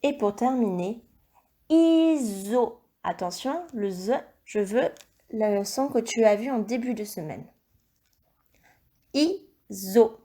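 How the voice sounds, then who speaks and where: A woman teacher recording a video lesson for young children, dictating words slowly and clearly and encouraging the child. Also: mid-range voice, lively intonation, mellow. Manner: slow, clear dictation with stretched syllables; encouraging, addresses the child directly. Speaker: primary school teacher.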